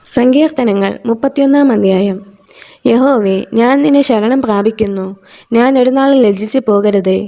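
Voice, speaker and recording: A woman reading scripture aloud for meditation in a calm, measured way. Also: on the high side. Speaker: Bible reader.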